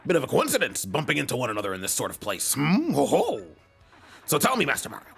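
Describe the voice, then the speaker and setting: A man's voice: fairly high pitch, huge pitch swings, fast talker, gravelly, a bit bright, husky, soft background music, pitched above the performer's own voice, heavily acted. A man voicing a fussy old male mushroom butler, throaty, pompous and genteel. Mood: fretful.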